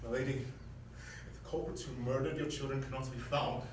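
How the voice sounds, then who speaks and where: A man's voice: mid-range voice, flat delivery, a little fast, natural voice. A man on stage playing a loyal, anxious royal advisor with a deferential, pleading way of speaking. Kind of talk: theatrical stage acting. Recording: echoey theatre, distant mic, faint noise.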